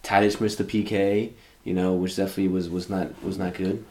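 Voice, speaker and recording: A man co-hosting a casual podcast chat, his voice sitting a little low. He talks quickly and rambles on, filling every pause with "you know" and "uh". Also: little pitch movement, a little mellow. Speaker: podcast co-host.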